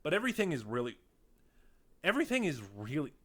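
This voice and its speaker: Reviewing audio dramas without a script, this man talks casually and haltingly, hitting some points hard and murmuring trailing asides. His voice is a little high and swings hugely in pitch.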